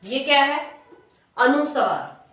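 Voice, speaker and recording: Female Hindi teacher, high voice, questions the class then answers herself; far from the mic in an echoey room. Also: lively intonation, fairly bright tone. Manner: drawn-out syllables, repeats points. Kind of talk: classroom grammar lesson.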